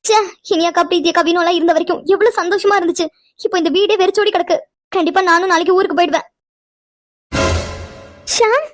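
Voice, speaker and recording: A sulky, easily upset young woman in a cartoon story, voiced by a woman, who stammers and protests when cornered. Her voice is very high and she talks quickly. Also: soft background music. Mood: flustered. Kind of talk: cartoon voice acting.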